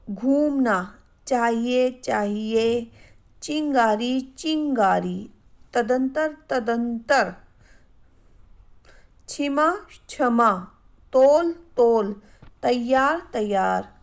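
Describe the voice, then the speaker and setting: Slow, gravelly woman teacher. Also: a little high. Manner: slow, careful, repeats each word twice. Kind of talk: online grammar lesson.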